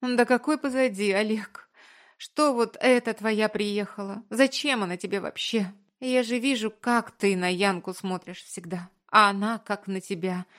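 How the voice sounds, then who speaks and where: A woman's voice: medium pitch, steady tone, a little slow, fairly bright tone, voice pushed up, natural voice. A woman voicing a tearful, anxious older mother who pleads and scolds her grown son in an audiobook. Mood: upset pleading. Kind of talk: audiobook character reading.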